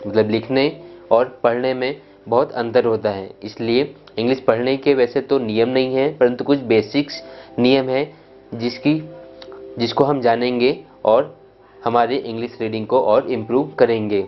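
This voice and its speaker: Male tutor, mid-range voice, unhurried lesson delivery, faint music underneath. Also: medium pitch, fairly even intonation. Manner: deliberate, repeats letters and sounds one by one. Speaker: spoken English teacher. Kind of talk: slow explanatory lesson. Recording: dull lo-fi sound with faint music.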